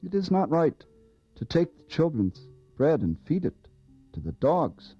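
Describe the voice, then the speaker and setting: A man voicing a calm male teacher who speaks slowly and with measured authority. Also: on the high side, breathy edge, highs cut off, soft background music, heavily acted. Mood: solemn.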